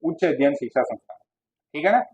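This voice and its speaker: A man's voice: on the high side, expressive, fast talker, a little mellow, husky. Male teacher, quizzing students. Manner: asks students questions and answers them himself. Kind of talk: classroom lecture. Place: classroom with students. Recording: dull lo-fi classroom recording.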